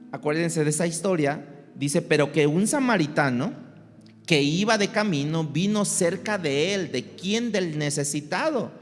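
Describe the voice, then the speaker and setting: A man preaching a sermon in a conversational way, asking the congregation rhetorical questions. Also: on the high side. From Mexico. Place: church hall. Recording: long reverb of a church hall.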